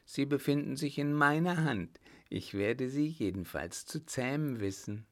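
A cruel baron who sneers, laughs and threatens, as a male reader plays him. The voice is slow and gravelly, lifted a bit above the reader's own. It is told like a storybook. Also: medium pitch, expressive, a bit bright, pitched above the performer's own voice. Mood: sneering. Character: scheming baron, mocking, cruel, self-assured.

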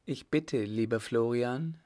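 A gentle noblewoman in a read-aloud story speaks softly and politely, pitched well above the reader's own voice, as a man puts her on. Her slow delivery stays quiet and courteous. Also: dry recording, clean studio sound, close to an everyday voice.

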